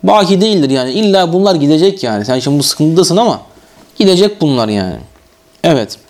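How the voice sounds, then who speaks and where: A man's voice: a little high, very animated, brisk, a little mellow. Turkish man teaching a grammar class. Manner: questioning, checks understanding. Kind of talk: Arabic grammar lesson.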